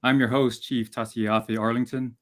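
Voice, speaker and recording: A man's voice: medium pitch, little pitch movement, normal speed. Man from American Samoa hosting a panel. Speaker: host.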